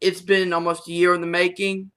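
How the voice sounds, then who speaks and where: A man hosting, wrapping up the show in a hyped, relaxed way. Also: sits high, brisk, clear, resonant tone. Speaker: host. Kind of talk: show sign-off.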